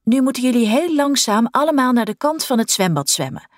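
A woman voicing a young swimming teacher calling firm, reassuring instructions across a dark pool. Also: a little high, very animated, fairly quick, dry recording, clean studio sound, pitched above the performer's own voice. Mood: urgent, commanding. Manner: raised, firm, reassuring commands.

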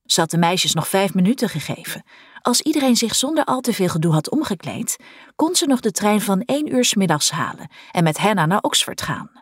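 A woman narrates an audiobook with lively, expressive intonation. Her voice is a little breathy, at middle pitch. The recording is dry and close. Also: brisk, no echo. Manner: expressive storytelling.

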